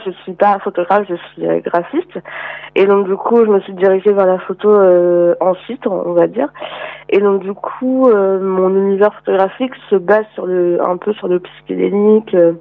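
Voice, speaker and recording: A woman guest on a radio show who talks about her photography work in a relaxed way, full of fillers. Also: mid-range voice, normal speed, no room sound, narrow, tinny audio. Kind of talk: casual radio interview.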